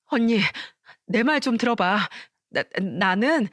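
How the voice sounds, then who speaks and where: A woman's voice: a little high, animated, slow, a bit bright, no echo, clean studio sound. A woman voicing a guilty younger sister who pleads anxiously in a dramatized story reading. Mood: pleading.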